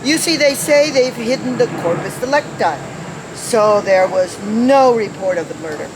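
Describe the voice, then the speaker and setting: In an old-time radio detective drama, a male actor plays a worried, formal parole official who is also a father, earnest and polite. His voice is high-pitched and animated at normal speed. The radio play recording is noisy and hissy.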